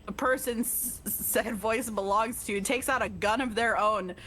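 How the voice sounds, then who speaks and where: A woman's voice: fairly high pitch, measured pace, fairly bright tone, soft background music. Woman reading a game's text aloud. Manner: reads text evenly, breaks off to joke and laugh. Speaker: streamer reading a visual novel aloud. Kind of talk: let's-play narration with casual asides.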